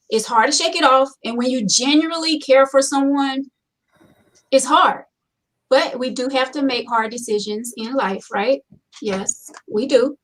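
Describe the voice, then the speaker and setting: A woman's voice: sits high, far from the mic, rough recording. Chatty woman host, a bit off-mic. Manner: chatty, opinionated, repeats herself for emphasis. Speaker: talk show host. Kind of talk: casual chat.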